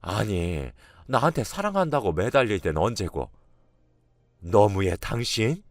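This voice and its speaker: A man's voice: on the low side, sing-song, a little slow, no echo. A man voicing a scheming, shameless middle-aged woman in a spoken story, talking in a raised, mocking, indignant way. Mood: whining.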